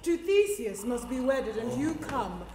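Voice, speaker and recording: A woman's voice: on the high side, very animated, measured pace, darkish tone. An actress playing a proud, scornful fairy queen, declaiming in hammy Shakespearean stage style. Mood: scornful, mocking. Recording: echoey hall recording, clear noise.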